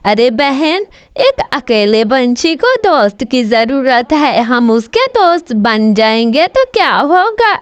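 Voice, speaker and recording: A woman voicing a kind, trusting young female sparrow who gently coaxes and pleads with her friend. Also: high voice, very animated, takes it slowly, no room sound, lo-fi sound, heavily acted. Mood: coaxing. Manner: soft coaxing, gentle pleading. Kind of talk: storybook cartoon voice acting.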